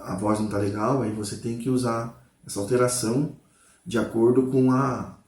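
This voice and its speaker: With a steady, mid-range, slightly mellow voice at normal speed, a guitar teacher leads a casual lesson in an echoey room. Guitar plays as he names the notes and patiently explains, sprinkling in constant "tá?" and "né?" check-ins.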